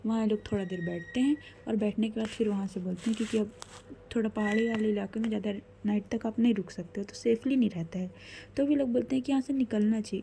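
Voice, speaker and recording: Brief: conversational woman narrator, warm dark tone, self-correcting. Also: on the high side, creaky, slight background noise. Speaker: storyteller. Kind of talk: casual story narration.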